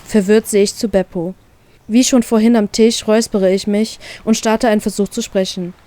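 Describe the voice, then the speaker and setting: A woman's voice: medium pitch, fairly even intonation, moderate pace, warm tone. Woman reading a story in first person. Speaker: fanfiction reader.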